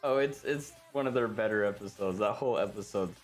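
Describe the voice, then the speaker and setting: A man's voice: lowish voice, brisk, soft background music. A man chatting casually on a game stream, rambling and joking with lots of swearing.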